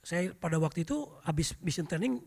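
A middle-aged male pastor preaching, telling lively anecdotes and often turning to address the congregation. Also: a little high, a little fast, creaky, big-room sound. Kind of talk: storytelling sermon.

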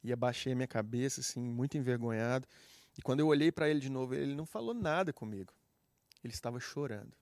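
A man's voice: medium pitch, animated, fast, a little mellow, dry recording. A man with a Brazilian accent preaching a sermon, telling a personal testimony in an earnest, heartfelt way. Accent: Brazilian Portuguese.

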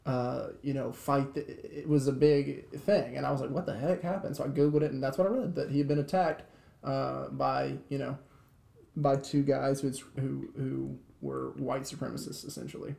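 A man's voice: mid-range voice, flat delivery, normal speed, gravelly, mellow, reverberant. A man co-hosting a podcast in casual chat, rambling with many restarts and fillers. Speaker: podcast co-host.

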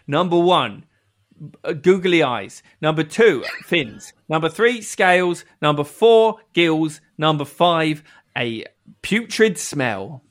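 A jovial fishmonger hawking his wares, played by a man with a put-on British accent. The voice sits high and swoops all over. He rambles through lists and patter in an improvised comedy scene. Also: sing-song, slow. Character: chatty male fishmonger hawking wares at a fair. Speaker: improv performer.

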